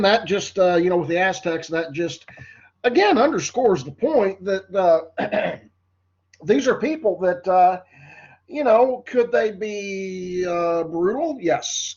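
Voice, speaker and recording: A man delivers a relaxed history lecture in a slightly raised, husky voice. He wanders through asides and fillers as he talks. The recording sounds dull and lo-fi. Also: high-pitched, takes it slowly. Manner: conversational, many fillers and asides.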